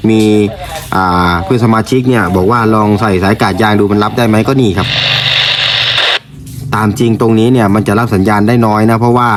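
A man's voice: fairly low pitch, steady tone, a little fast. A man giving a polite, informal product presentation as a shop presenter, explaining and repeating his points. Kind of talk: informal product review to camera. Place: indoor room used for recording videos. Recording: clear background noise in room.

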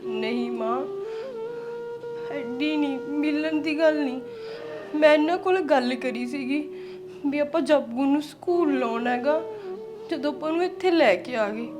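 A woman's voice: high-pitched, measured pace, pauses often, music in the background. An actress playing a tearful young wife and mother who pleads to keep her daughter near her. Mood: pleading. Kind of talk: village family drama acting.

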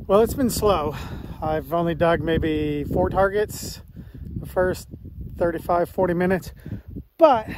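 Chatty man outdoors in loud wind. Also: on the high side. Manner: chatty, upbeat, talks to viewers while working. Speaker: metal detecting vlogger. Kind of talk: casual running commentary while digging. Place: outdoors in a rural field by an old cellar hole.

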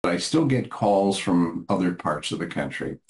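Deep-voiced lawyer telling client stories. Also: male voice, very animated, normal speed, low-quality recording. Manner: storytelling, quotes clients and himself. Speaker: bankruptcy lawyer. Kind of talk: casual explanatory talk to camera.

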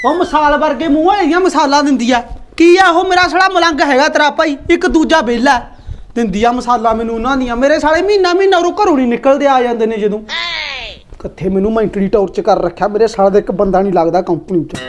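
A woman with an Indian Punjabi accent playing a boastful, scheming middle-aged village husband who bickers with rapid comebacks. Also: sits high, a little hiss or hum, lightly acted. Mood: irritated. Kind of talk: comedy skit acting.

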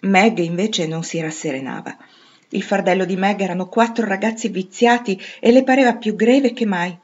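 A woman reading a classic novel aloud in calm, measured literary narration. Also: mid-range voice, muffled recording. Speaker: audiobook reader.

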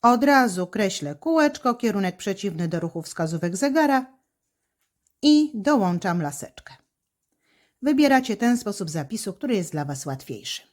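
Patient woman teaching handwriting, lively pitch. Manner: slow, patient, step-by-step explaining. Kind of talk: handwriting lesson for children.

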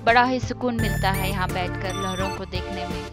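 Switching freely between Hindi and English, a female vlogger narrates her travel video with chatty enthusiasm at a normal speed and medium pitch. Clear background music plays under her voice-over.

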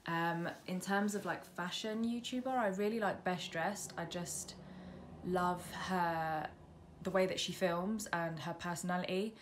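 Chatting casually to camera, a British woman in her mid-twenties vlogs in an informal, self-deprecating way with a fairly low pitch, fairly even intonation and measured pace. The camera sits about arm's length away on the windowsill of her bedroom, which faces a busy road, so traffic noise comes through.

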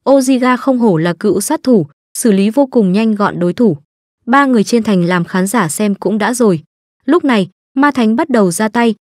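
A woman's voice: mid-range voice, a little mellow, no room sound. Woman narrating an anime recap, dry close sound. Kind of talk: scripted narration.

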